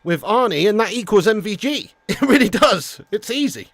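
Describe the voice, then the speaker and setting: A man's voice: sits high, big pitch swings, normal speed, fairly bright tone, dry recording. A man hosting a live football watch-along, chatting casually in a jokey, mock-insistent way.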